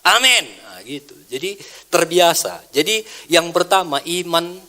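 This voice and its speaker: A male pastor, preaching a sermon in an animated way, dropping to soft asides and rising to loud exclamations. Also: on the high side, measured pace. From Indonesia.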